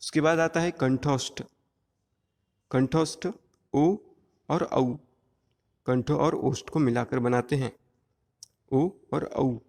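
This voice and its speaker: A male teacher giving an exam-prep grammar lesson, explaining slowly and drawing out each sound one at a time. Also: medium pitch, fairly even intonation, creaky, a little mellow, long reverb tail.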